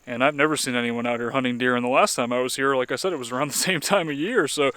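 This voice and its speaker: An American man talking casually to viewers as a travel vlogger, in an easygoing, unhurried way. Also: mid-range voice, sharp tone, no echo. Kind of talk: casual vlog narration.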